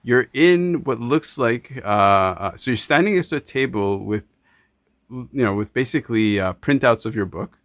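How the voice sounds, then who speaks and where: A man from Canada hosting an interview, talking in an animated, rambling way with many restarts. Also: medium pitch, moderate pace, dry recording, studio quality. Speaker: podcast host. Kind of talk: casual interview chat.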